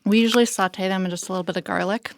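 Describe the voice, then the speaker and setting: A woman's voice: medium pitch, fairly even intonation, racing, dry recording, clean studio sound. A woman, a flower farmer, talking casually in an interview and explaining things with many "you know" fillers.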